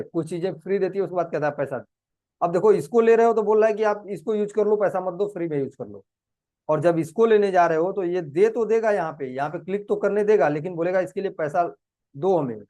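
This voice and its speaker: A man's voice: high voice, a little mellow, dry recording. A man teaching a live digital marketing class, explaining earnestly and repeating each step as he goes. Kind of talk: live screen-share class.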